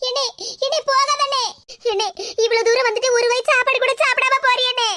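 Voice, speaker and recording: A woman's voice: very high voice, fairly even intonation, a little fast, pushed and bright, slight background noise. A woman voicing a young village woman in a cartoon, an anxious, pleading sister speaking with a Tirunelveli Tamil accent. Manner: pleading, repeatedly calling out.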